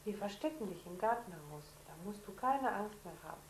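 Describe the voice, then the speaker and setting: A woman voicing an excitable, brave young boy with a raised, urgent voice, read aloud in an echoey room. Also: mid-range voice, fairly quick, slight background noise, natural voice. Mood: coaxing.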